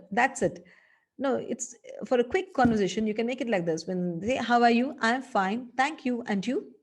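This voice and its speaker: A woman teaching a lesson as a communication coach, acting out sample phrases with changing tone. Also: fairly high pitch. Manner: instructive, demonstrates phrases with exaggerated tone shifts. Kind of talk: spoken English lesson.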